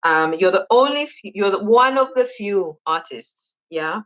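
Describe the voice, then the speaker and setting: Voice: medium pitch, expressive, a little slow, low-quality recording. A podcast host from Zambia, interviewing guests and repeating praise. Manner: warm, effusive, repeats praise.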